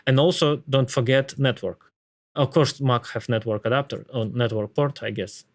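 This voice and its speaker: Male, Slavic accent, casual tech talker, mid-range voice, halting and repetitive delivery, close dry sound. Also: mid-range voice, fairly even intonation, dry recording. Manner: halting, thinking aloud with frequent repetitions.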